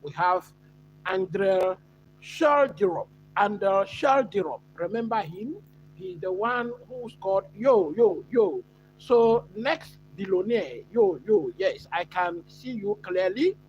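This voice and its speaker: A man from Ghana hosting a live football watch-along, chatting casually and answering viewers with many pauses and fillers. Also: high voice, animated, darkish tone, dull audio, a little hiss or hum. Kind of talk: live stream football chat.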